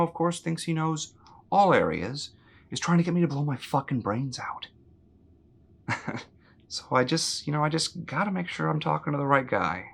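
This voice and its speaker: A man's voice: on the high side, creaky, heavily acted. An actor playing a burnt-out, cynical crisis hotline counselor, defiant and crude as he pushes back at a caller. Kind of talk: film drama acting.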